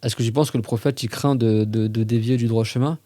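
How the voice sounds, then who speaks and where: A religious teacher on a podcast gives a casual explanatory lesson, explaining religious texts conversationally as if chatting with younger listeners and reciting Arabic verses slowly and carefully. His medium-pitched voice is mellow and warm. The sound is close and dry, with no echo or room around it.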